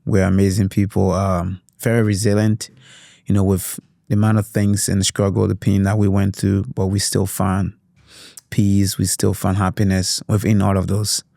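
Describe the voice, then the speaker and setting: Gravelly low Liberian man, earnest. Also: monotone, normal speed, warm tone, no room sound, clean studio sound. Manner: earnest, reflective, with frequent "you know" fillers. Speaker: youth advocate guest. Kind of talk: candid interview storytelling.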